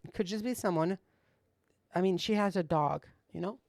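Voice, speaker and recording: A woman's voice: fairly low pitch, moderate pace, gravelly, background noise. A woman giving casual, off-the-cuff reaction commentary, skeptical and often repeating her points. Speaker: reaction video host.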